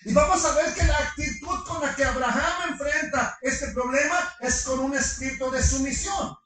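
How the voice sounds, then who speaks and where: A middle-aged man preaching a sermon to his congregation, animated, firing rhetorical questions and slipping in humorous asides. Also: very high voice, normal speed, soft background music. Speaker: pastor. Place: large congregation hall. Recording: echoey hall from far off.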